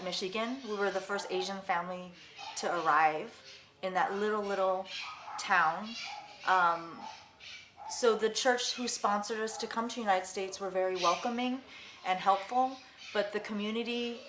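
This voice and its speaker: A woman in her forties, an artist born in Vietnam and raised in Los Angeles, reflects thoughtfully in an oral history interview, often restarting her sentences. Her voice is mid-range and fairly bright, recorded in an echoey room with faint background noise.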